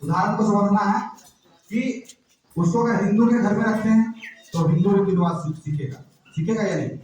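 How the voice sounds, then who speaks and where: With a high, slightly mellow voice and moderate pace, a male activist from Jharkhand, India keeps quizzing the crowd with rhetorical questions during a public address. The distant mic catches huge echo from the room and some faint noise.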